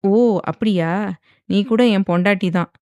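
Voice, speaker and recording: A woman's voice: mid-range voice, measured pace, darkish tone, no echo, close to an everyday voice. A woman voicing a domineering young husband who teases and mock-threatens, in a dramatized audiobook reading. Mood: teasing.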